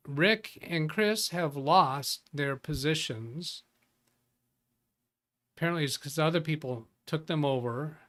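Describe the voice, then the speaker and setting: A man's voice: on the high side, fairly bright tone. A man hosting a live tech show in a casual, chatty way, greeting viewers by name and often restarting his sentences. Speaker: livestream tech show host. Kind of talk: casual live-stream chat.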